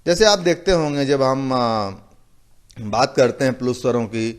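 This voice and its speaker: A male teacher giving a slow, methodical lecture, repeating each term and explaining it with simple examples. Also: mid-range voice, expressive, clean tone. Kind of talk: recorded classroom lecture.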